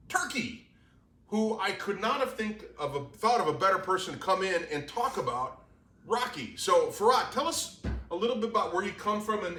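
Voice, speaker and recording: A man's voice: high voice, bright, forceful tone, roomy sound, slight background noise. A man hosting a casual bar show, joking and upbeat as he chats with a guest. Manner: jokey, upbeat, loose. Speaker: host. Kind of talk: casual chat.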